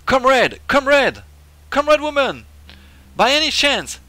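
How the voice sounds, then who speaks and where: A pompous middle-aged village official, as a man puts him on booms in a high, bright, forceful voice with a thick fake Russian accent. He speechifies grandly and calls everyone comrade. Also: very animated, slow, dry recording, exaggerated voice. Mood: pleading. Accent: put-on Russian accent in English. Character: pompous Soviet-style village official, man around fifty.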